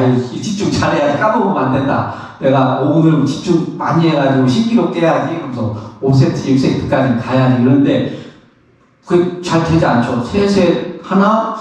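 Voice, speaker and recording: Animated monk, echoey and distant. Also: male voice, fairly high pitch. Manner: animated, laughing, acts out counting breaths. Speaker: Buddhist monk teaching meditation. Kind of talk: spoken teaching on meditation. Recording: echoey room, somewhat far from the mic.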